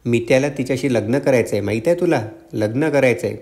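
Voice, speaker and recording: A man's voice: medium pitch, fairly quick, darkish tone, lightly acted. A man voicing an old father who is fearful, sly and pleading, in an audiobook reading. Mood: anxious pleading. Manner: pleading, repetitive.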